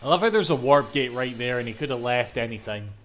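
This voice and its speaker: A man's voice: mid-range voice, animated, quick pace. A man giving casual, chatty live commentary as a game streamer, swearing freely.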